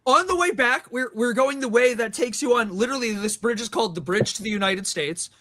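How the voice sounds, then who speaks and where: His very high voice runs a little fast against a crowd in the background as he rambles through a long story among friends. A band member and show regular, he performs the quoted dialogue and fills the tale with restarts and fillers, in a small room with several people at mics.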